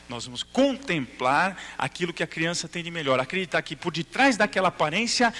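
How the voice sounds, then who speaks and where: A man's voice: a little high, pushed and bright, in a large hall. A man giving a religious lecture to a live audience, telling stories, acting out the dialogue and checking in with his listeners.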